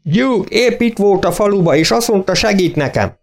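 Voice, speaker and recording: A frantic, pleading farmer whose voice climbs high with worry, as a male audiobook narrator puts him on. He begs and urges, his words pitched well above an ordinary speaking voice. It is a storybook character read aloud. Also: lively intonation. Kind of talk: audiobook reading.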